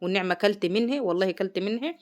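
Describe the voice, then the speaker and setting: A middle-aged woman with an Egyptian accent chats through her home cooking vlog at a breakneck pace. Her voice sits at an ordinary middle pitch, and she keeps exclaiming over the food as she talks. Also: very fast. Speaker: vlogger, mother. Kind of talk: casual cooking vlog chat. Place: home kitchen.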